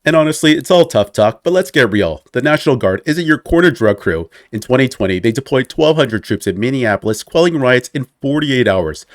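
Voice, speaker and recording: A man reads out scripted political commentary in a scornful, punchy tone. His delivery is even and steady in pitch. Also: a little fast, hardly any pauses. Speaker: channel narrator.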